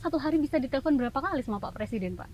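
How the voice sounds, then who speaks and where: A woman's voice: high-pitched, expressive, rapid-fire, darkish tone, slight background noise. A woman hosting a TV show, asking questions in an upbeat, polite and inquisitive way. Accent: Indonesian. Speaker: TV show host. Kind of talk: field interview.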